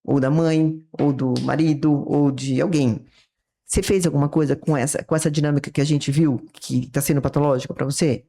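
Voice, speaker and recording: A woman's voice: sits low, steady tone, a little fast, warm tone. A woman with a Brazilian Portuguese accent, a psychiatrist guest explaining ideas in an interview and acting out short example dialogues. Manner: didactic, acts out little dialogues from examples.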